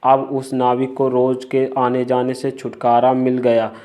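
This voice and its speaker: Man narrating a story in a flat monotone. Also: mid-range voice, a little slow, clean tone. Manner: flat, even reading.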